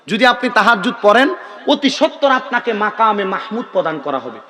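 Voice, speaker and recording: A preacher, a man pitched noticeably high for his sex, delivers a sermon to a gathering. He chats and teases, then prods the crowd to answer aloud. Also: big pitch swings, fairly quick. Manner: chatty, bantering, calls out to the crowd for responses. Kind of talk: Islamic sermon (waz) to a gathering.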